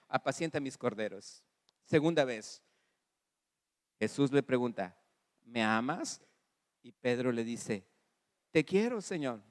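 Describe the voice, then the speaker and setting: A man with a Mexican Spanish accent preaching a sermon as pastor, animated, calling on the congregation to repeat after him. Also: medium pitch. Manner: animated preaching with audience call-and-response; acts out dialogue in varied voices. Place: church hall. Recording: long reverb in a church hall.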